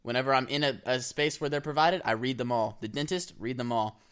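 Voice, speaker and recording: Young male podcast co-host, playful and slangy, relaxed banter. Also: medium pitch, a little fast, clean tone. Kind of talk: casual chat.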